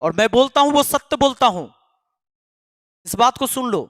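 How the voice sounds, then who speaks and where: A man's voice: extremely high pitch, animated, moderate pace, a bit bright, dry recording, studio quality, in a large hall. A man who teaches math online, speaking to his students in an emphatic, scolding way and repeating lines for force. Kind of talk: impassioned address to students.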